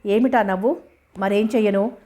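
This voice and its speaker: A woman voicing an agitated, confused young man who shouts accusations at his family. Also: mid-range voice, fairly even intonation, normal speed, close to an everyday voice. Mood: hostile, shouting. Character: agitated young man, hostile, confused after head injury.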